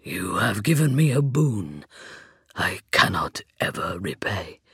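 Scarveth, a hollow, rasping skeleton knight. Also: low voice, sing-song, fairly bright tone, dry recording, clean studio sound, voice pushed down, full character voice. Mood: grave devotion. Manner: slow, grave, breathy whispering delivery. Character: undead skeletal knight, male, solemn and devoted. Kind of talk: audiobook character voice.

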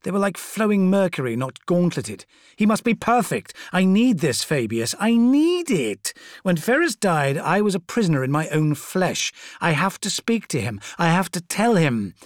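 A man's voice: fairly high pitch, sing-song, normal speed, few pauses, no echo, clean studio sound, pitched above the performer's own voice. A man playing an imperious serpent-bodied demigod. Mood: desperate. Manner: imperious, snapping, theatrical.

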